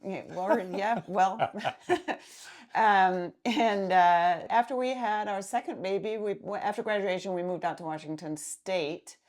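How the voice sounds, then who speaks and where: A woman, co-hosting a podcast in unhurried casual chat full of filler pauses. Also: medium pitch. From Denmark. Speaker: podcast co-host.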